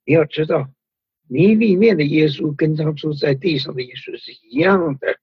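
A man's voice: a little high, moderate pace, slightly rough, no room sound. A man preaching a conversational sermon, full of fillers and tag particles. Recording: dull lo-fi recording.

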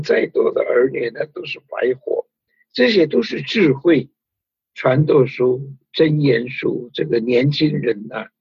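Brief: male preacher, very breathy husky voice, chatty sermon delivery, dull lo-fi recording. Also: mid-range voice, dry recording. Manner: conversational preaching with frequent fillers and tag particles.

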